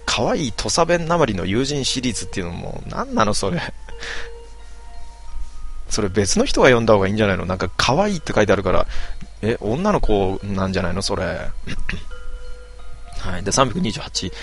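A man's voice: fairly low pitch, sing-song, brisk, gravelly, pauses often, faint music behind. A man in his twenties hosting a late-night stream, reading viewer comments aloud and muttering casual, offhand reactions. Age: 20s.

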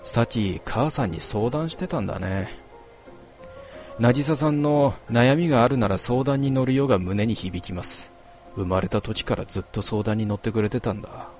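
A man reading a first-person story aloud in a measured, quiet and melancholy way. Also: mid-range voice, faint music behind. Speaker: narrator.

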